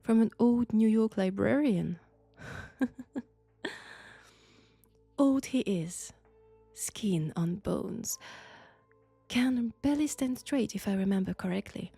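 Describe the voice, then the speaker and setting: A woman with a French accent voices an enigmatic occult professor, a possessed vessel of an ancient entity, in an exaggerated, husky, mid-range, animated performance addressed to the listener. She's slow, deliberate, hushed and ominous, whispering some phrases in a knowing, mysterious mood. The audio roleplay has no room sound and faint music behind it.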